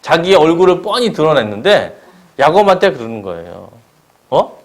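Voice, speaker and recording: Lively Korean male preacher. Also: on the high side, moderate pace. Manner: asks the congregation question-and-answer pairs. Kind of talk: sermon. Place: church service.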